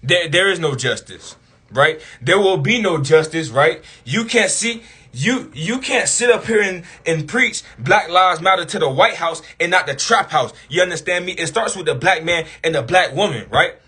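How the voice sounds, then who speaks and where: Male commentator, slightly high, husky voice, preachy monologue with constant rhetorical questions. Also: lively intonation, moderate pace, bright, forceful tone. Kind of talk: impassioned monologue to camera.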